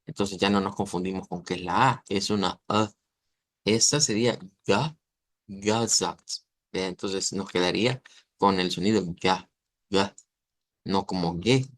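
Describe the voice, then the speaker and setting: A low-voiced man from Latin America, talking at a normal speed with no echo, runs an online language lesson on pronunciation. He takes a patient approach and keeps confirming that the class is following along.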